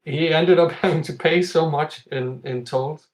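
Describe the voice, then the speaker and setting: In a low-quality recording, an Icelandic podcast guest speaks at a measured pace in a slightly high voice. He competes in retro games and shares stories in a relaxed, conversational way, often chuckling.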